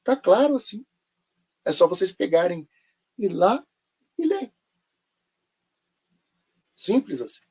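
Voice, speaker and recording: A man's voice: high voice, sing-song, slow pace, pauses often, darkish tone, slightly rough. A man teaching a live online Bible lesson, sarcastic and full of rhetorical questions.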